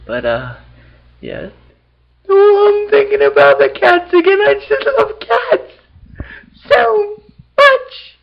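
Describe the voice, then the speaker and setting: A woman's voice: high voice, exaggerated voice. A woman voicing an emotional, cat-obsessed woman in a cartoon parody, stammering and gushing, with baby talk for her cat. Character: lonely, tearful, cat-obsessed woman on a dating video. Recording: slightly muffled lo-fi audio.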